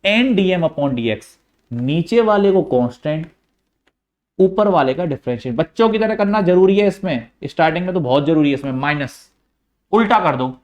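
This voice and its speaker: A man's voice: a little high, lively intonation, normal speed, dull audio. A male teacher working through a maths lesson step by step, coaxing and repeating the key points straight to his students.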